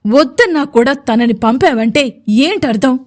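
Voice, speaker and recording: A woman's voice: on the high side, normal speed, lightly acted. A woman voicing a domineering, short-tempered young husband who snaps clipped orders in a storybook audio drama. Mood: furious.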